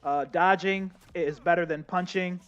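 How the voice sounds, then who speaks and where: A young man giving casual, excitable live commentary while playing a game, talking straight to his chat. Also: sits high, unhurried, smooth, lo-fi sound. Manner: chatty, excitable, addresses chat as y'all. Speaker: game streamer.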